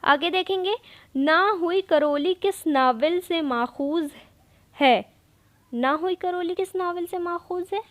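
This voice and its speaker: High-voiced woman teacher revising questions. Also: slow, fairly bright tone. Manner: explains patiently, repeats answers. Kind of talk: exam revision lesson.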